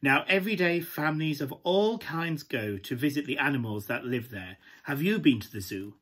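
A man performing a glamorous, camp pantomime dame with a British accent and a husky, breathy voice, coaxing listeners through a children's story. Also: a little high, expressive, normal speed, fairly bright tone. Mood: cosy, playful. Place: small room at home, indoors.

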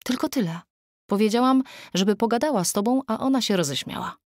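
A woman narrating an audiobook, voicing a frank young woman friend in a quick, blunt, slightly raised voice. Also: fairly high pitch, animated, a little mellow, no room sound, voice pushed up, close to an everyday voice.

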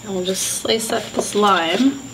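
A young adult woman speaks at a mid-range pitch, a little slowly, while presenting a casual cooking demonstration at home and explaining each step in a chatty way. The background is noisy, with roomy kitchen sound and faint music.

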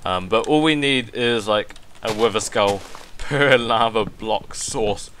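A man's voice: lowish voice, slow, a little hiss or hum. Chatty man narrating his gameplay. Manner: chatty, excitable, with frequent ums and laughs. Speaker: gaming video host. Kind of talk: casual gameplay commentary.

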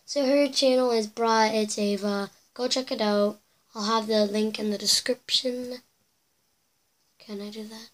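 A teenage girl speaks at a measured pace in a steady, high-ish voice, chatting to her webcam from her bedroom. As a YouTuber reading viewer comments, she rambles with whispered asides, and her voice is a little cracky from losing it.

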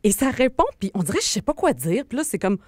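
A woman's voice: medium pitch, quick pace, no room sound, studio quality. A middle-aged woman with a Québécois French accent, hosting a radio show and telling stories with frequent laughter. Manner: storytelling, laughing often, animated. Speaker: radio host. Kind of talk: casual radio chat.

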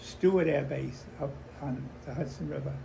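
Gravelly elderly American veteran reminiscing. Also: male voice, fairly high pitch, dark tone. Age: 90s. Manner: halting, repeating himself, acting out remembered dialogue. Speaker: war veteran interviewee. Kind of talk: old veteran reminiscing, conversational storytelling. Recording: noisy handheld home recording.

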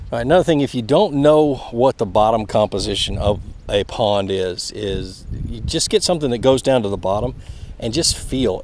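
A young man hosting a fishing vlog, explaining his technique in a relaxed way while casting from a pond bank, recorded on a head-mounted camera outdoors. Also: medium pitch. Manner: relaxed, explaining as he fishes, chuckling. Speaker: fishing channel host. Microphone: head-mounted action camera. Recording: outdoor camera mic with faint background noise.

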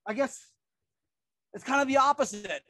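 An enthusiastic middle-aged woman hosts a casual reptile show outdoors, her voice sitting a little high. She chats freely with surfer-style slang while handling the animals. The sound is dry and close, with little room around it. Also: moderate pace, a bit bright, no room sound. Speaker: animal presenter. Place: outdoors in a yard.

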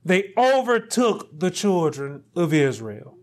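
Preaching in a small studio, a middle-aged pastor speaks in a high, sing-song voice. He moves slowly and deliberately, lingering on phrases, and his voice rises into loud, high emphasis at the key moments.

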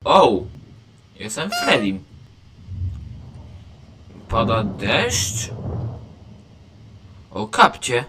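A man doing let's play commentary, excitable, often yelling at characters in the game. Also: on the low side, a little hiss or hum. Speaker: gamer.

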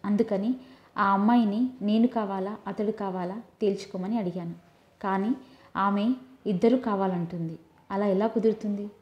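A woman voicing a gentle, lovesick young man, pleading softly in an audiobook. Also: medium pitch, steady tone, normal speed, dull audio, lightly acted. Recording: roomy echo.

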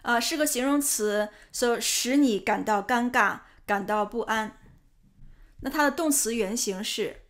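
A woman teaching English pronunciation and grammar, explaining points patiently and clearly. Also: on the high side, a little slow. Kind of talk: explanatory lesson narration.

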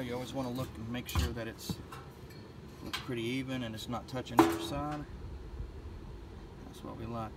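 A man working as an HVAC technician, talking himself through a repair in a relaxed, casual how-to way while he works in an attic. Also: mid-range voice. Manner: relaxed, talks himself through each step. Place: attic workspace beside a furnace. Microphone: body-mounted action camera. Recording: distant mic with loud background noise.

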